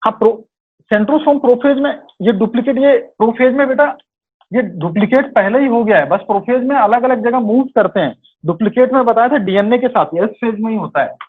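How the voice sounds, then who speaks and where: With an extremely high, husky voice and a slightly fast pace, a male biology teacher reviews quiz answers during a live online class. His speech code-mixes Hindi with English terms; he corrects himself and addresses students as "beta." The audio is tinny, like a phone call.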